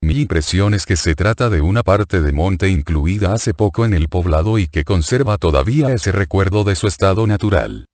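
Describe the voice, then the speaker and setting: Brief: deep, solemn male audiobook narrator, measured, dry close sound. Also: expressive, a little mellow, no echo. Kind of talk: audiobook reading of religious prose.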